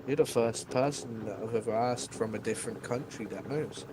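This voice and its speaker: A man's voice: mid-range voice, normal speed, background noise. A man with a Scottish accent, co-commentating a drift livestream with teasing, jokey banter. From United Kingdom.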